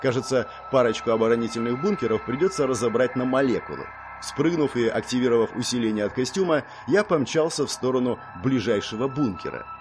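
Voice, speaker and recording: A man narrating a first-person audiobook. His delivery is steady and matter-of-fact, and his pitch moves in a lively way. Now and then he drops in a wry aside. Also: fairly quick, few pauses, over music.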